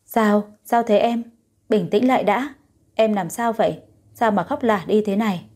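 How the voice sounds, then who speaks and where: A woman voicing a gentle, caring young man in an audio story, speaking in a calm, soothing way. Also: medium pitch, moderate pace, lightly acted. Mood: tender.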